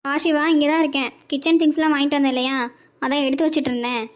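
A woman voicing a practical, caring older sister who gently scolds her brother, in a cartoon. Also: high voice, fairly even intonation, racing, natural voice. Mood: motherly. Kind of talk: cartoon voice acting.

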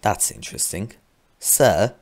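A man playing a polite, measured railway manager in an amateur train drama. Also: lowish voice, animated. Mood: polite, businesslike.

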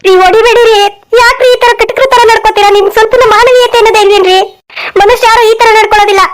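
A woman plays a wronged young pregnant wife in a cartoon, who pleads and begs in a tearful way. Her voice is very high and the words tumble out quickly. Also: fairly even intonation. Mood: pleading.

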